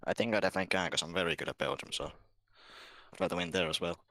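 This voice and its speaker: A man giving brief, low-key answers as a winning sim racer in a casual post-race interview. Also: fast, pushed and bright.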